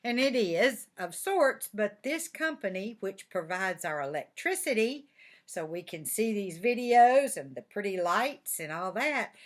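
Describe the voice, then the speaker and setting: An older woman with a grandmotherly manner, reading a picture book aloud to children and adding chatty, admiring asides. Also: mid-range voice. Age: 60s or older. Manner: grandmotherly, expressive, repeats admiring words. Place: office.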